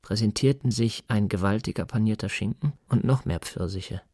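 A man narrating a literary radio drama in a measured, even way. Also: lowish voice, no room sound, clean studio sound.

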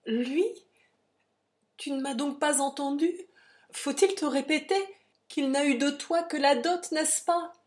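A woman reader voicing a passionate young heroine who pleads and protests in a high, impassioned voice. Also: unhurried. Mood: triumphant.

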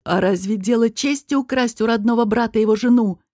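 A woman voicing a furious young male prince who shouts in rage. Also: a little high, fairly quick, no echo, studio quality, close to an everyday voice. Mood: indignant. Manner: shouting, enraged.

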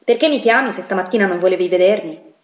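A woman reading an audiobook, voicing an earnest young man who speaks softly and steadily. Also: mid-range voice, fast, lightly acted. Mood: curt. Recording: echoey room.

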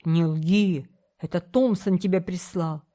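A woman voicing a rough young male gold digger who threatens in a low, hissing voice. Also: steady tone, slow pace, mellow. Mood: menacing.

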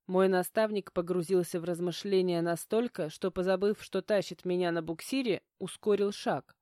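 A woman reading a first-person novel aloud in an even, measured way. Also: fairly low pitch, no room sound, studio quality. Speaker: audiobook narrator. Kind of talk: first-person audiobook narration.

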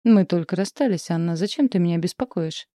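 A woman's voice: lowish voice, brisk, warm tone, no room sound, studio quality, natural voice. A woman reading a mocking demon prince. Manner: mocking, teasing.

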